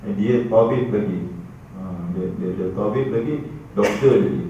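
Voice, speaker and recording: A man giving a religious lecture, telling anecdotes in a lively way with frequent chuckles and asides to the audience. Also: lowish voice, normal speed, slight background noise. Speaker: religious teacher. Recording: echoey, distant, dull room recording.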